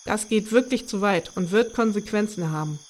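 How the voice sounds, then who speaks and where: A woman voicing a stern, angry middle-aged father who speaks gruffly and cuts others off harshly, over clear background music. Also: medium pitch, moderate pace, darkish tone, lightly acted.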